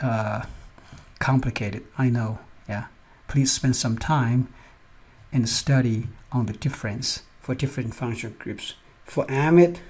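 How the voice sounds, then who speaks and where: Husky-voiced man giving a chemistry lecture. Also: medium pitch, darkish tone. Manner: explains step by step, often asks "right?". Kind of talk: recorded lecture over slides.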